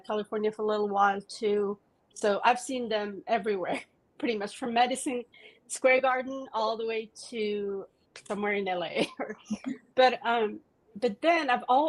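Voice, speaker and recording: A Moroccan woman with a mid-range voice is a guest on a podcast, eagerly telling a rambling story and laughing often in casual interview chat. The audio quality is poor.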